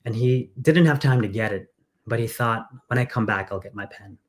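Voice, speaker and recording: In a conversational interview, a congressional candidate who grew up in England tells stories earnestly, often pausing on "uh" and using frequent fillers. His voice sits at an ordinary middle pitch for a man.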